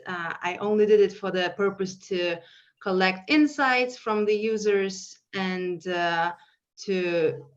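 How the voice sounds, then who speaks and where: A woman, a startup founder, introducing her idea with many fillers. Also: mid-range voice. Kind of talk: pitching on a video call. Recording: muffled video call audio.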